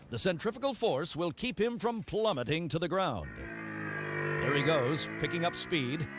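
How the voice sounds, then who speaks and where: A man narrating a TV segment in a scripted, dramatic announcer style. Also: high-pitched.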